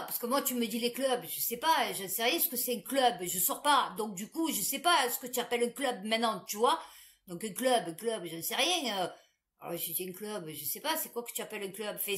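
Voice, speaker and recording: A woman in her forties with a lilt tells a personal story in a casual, confiding way. Her voice sits slightly high, and she speaks bluntly, with crude words and frequent bursts of laughter. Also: fairly bright tone.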